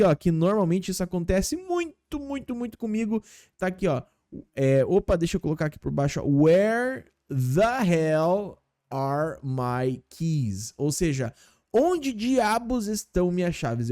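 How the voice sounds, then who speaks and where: Lively, mellow-voiced male English teacher. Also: sits high. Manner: explains step by step, often checking in with "tá?" and "ó". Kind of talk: casual video lesson.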